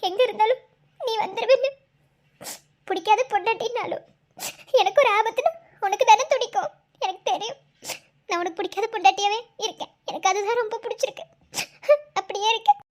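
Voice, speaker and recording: A woman's voice: extremely high pitch, normal speed, long pauses. A woman voicing Sandhiya, devoted young wife. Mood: tender coaxing. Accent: Madurai Tamil. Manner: soothing, coaxing, reassuring. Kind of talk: amateur cartoon voice acting.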